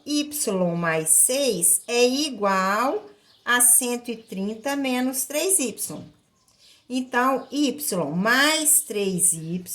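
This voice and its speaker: With a mid-range, fairly bright voice, a Brazilian-accented woman teaches maths, walking through the lesson step by step. Her style is didactic, full of repeated phrases and quick tag questions to check in.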